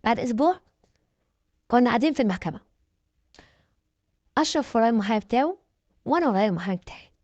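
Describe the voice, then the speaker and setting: An Egyptian woman tells a dramatic first-person story with emphatic delivery. She speaks fast in a fairly high voice. The sound is dry and a little dull. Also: lively intonation, darkish tone, no room sound.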